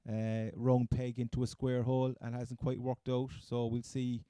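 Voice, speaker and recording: Mellow, even-toned Cork Irishman. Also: mid-range voice, clear, resonant tone, dry recording. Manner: halting, hesitant phrasing. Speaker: sports podcast co-host. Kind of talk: casual sports discussion.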